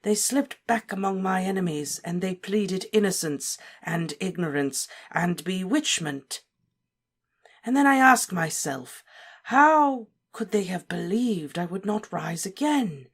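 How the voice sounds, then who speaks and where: A woman voicing a cold, cruel male dark wizard lord, speaking softly, slowly and with deliberate menace. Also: fairly low pitch, animated, slightly rough, pitched above the performer's own voice, exaggerated voice. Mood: menacing. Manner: soft, menacing, slow and deliberate.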